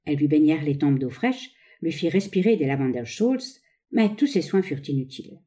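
A woman narrating a novel in an expressive, dramatic reading style. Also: sits low, brisk.

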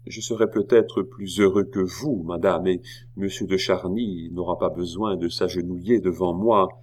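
Stern, suspicious king, deep and pressing, read by a male narrator. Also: steady tone, moderate pace, darkish tone. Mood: probing. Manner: probing, coldly insistent. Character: stern suspicious king, middle-aged man.

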